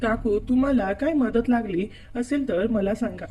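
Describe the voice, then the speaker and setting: A woman's voice: on the high side, moderate pace, dark tone, slightly rough. A woman voicing a nervous, apologetic young man in a told story. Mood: timid.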